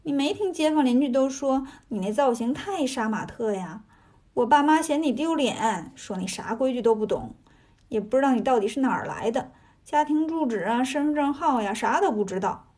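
A woman's voice: sits high, lively intonation, normal speed, darkish tone. Sun Wukong, a woman doing a cocky monkey hero. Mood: teasing. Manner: cocky, teasing. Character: cheeky male monkey hero, brash trickster.

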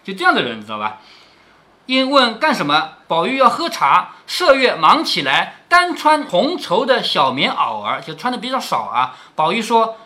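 A man's voice: high-pitched, huge pitch swings, normal speed, sharp tone. A middle-aged man reading a classic novel aloud to his daughter, stopping often to explain and asking rhetorical questions.

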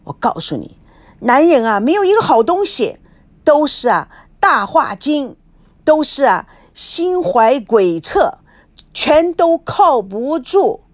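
A woman voicing a loud, nosy middle-aged woman who scolds and bursts out dramatically in a story reading. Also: high-pitched, very animated, a little slow, long pauses, full character voice. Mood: indignant. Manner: brash and scolding, dramatic outbursts.

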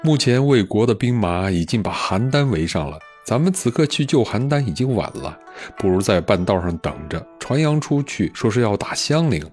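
A man voicing an earnest ancient military strategist in a storytelling recording, measured and sincere. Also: lowish voice, sing-song, darkish tone, soft background music. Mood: planning.

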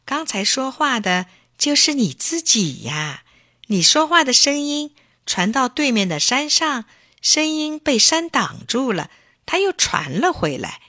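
A woman voicing a kind, patient grandmother who gently explains things to a child in a storybook reading. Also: high voice, big pitch swings, unhurried, no echo, studio quality, voice pushed up, heavily acted. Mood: gently explaining.

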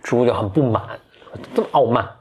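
A man's voice: mid-range voice, lively intonation, quick pace, darkish tone, breathy edge. A man, a podcast host telling a fairy tale in a casual, chatty way. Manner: chatty, with many fillers and restarts. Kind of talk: casual storytelling.

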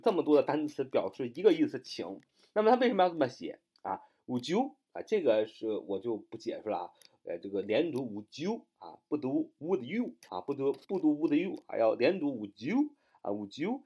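A male English teacher explains a sentence pattern at length, often stopping to spell words letter by letter. His voice is mellow and dark, while his pitch rises and falls a lot. He reads his English examples slowly and adds plenty of fillers. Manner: frequent fillers, explanatory and repetitive. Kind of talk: recorded grammar lesson.

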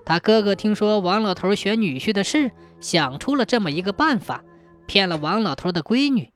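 A woman's voice: mid-range voice, lively intonation, normal speed, soft background music. Woman telling a folk tale. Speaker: storyteller.

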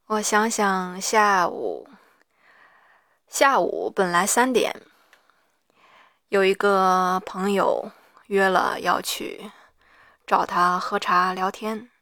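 Female diarist, gravelly and hoarse, very slow and reflective, pausing mid-thought, mid-pitched. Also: fairly even intonation, bright, forceful tone, dry recording, studio quality. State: hoarse after an hour of reading aloud. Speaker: solo audio diarist. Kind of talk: personal audio diary, reflective monologue.

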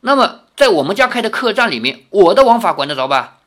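A woman reading a storybook aloud and voicing a hot-headed young swordsman who talks fast and indignantly. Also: mid-range voice, big pitch swings, pitched above the performer's own voice. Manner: indignant, quick, loud.

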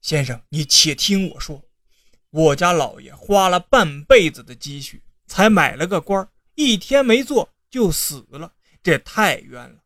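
A storyteller voicing a scheming old male secretary who pleads and persuades in a lowered, tearful voice. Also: lively intonation, a little slow, a bit bright, dry recording, studio quality. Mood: pleading. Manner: persuasive, tearful, sudden outbursts. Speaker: con man posing as secretary.

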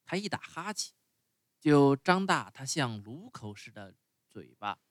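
A man reading a children's storybook aloud as a parent, expressive and speaking directly to the kids. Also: mid-range voice, a little slow, dry recording.

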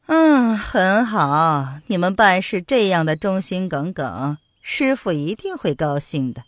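A woman's voice: on the low side, very animated, slow pace, dry recording, pitched below the performer's own voice. A woman doing a sneering disguised envoy. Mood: commanding. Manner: scornful, commanding, sneering. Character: haughty, mocking fairy envoy, a man in disguise.

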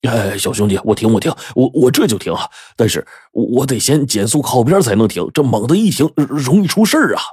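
A sly middle-aged driver, as a male storyteller plays him, soothing robbers in a hurried, coaxing voice. The delivery is lively and close to the mic. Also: mid-range voice, breathy edge, dry recording, pitched above the performer's own voice. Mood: placating. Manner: placating, coaxing.

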